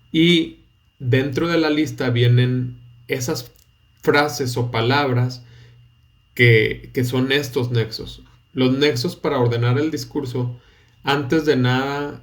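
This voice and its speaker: Male tutor, Mexican Spanish accent, unhurried, middle pitch, explains step by step. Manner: slow, patient explaining with fillers. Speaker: teacher. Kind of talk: study-guide lesson.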